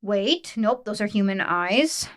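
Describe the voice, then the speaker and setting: An excitable woman talks fast and bubbly, in a casual home unboxing chat. She keeps an easy mid-pitched tone and restarts her sentences often. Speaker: co-host, new hobby player. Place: home tabletop setup.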